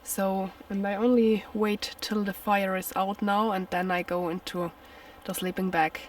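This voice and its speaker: A woman's voice: medium pitch, level tone, unhurried, far from the mic. A woman who is a non-native English speaker, talking casually and hesitantly to camera as a solo camper out in a forest storm at night. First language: not English. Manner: hesitant, simply worded explaining. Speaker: solo camping vlogger.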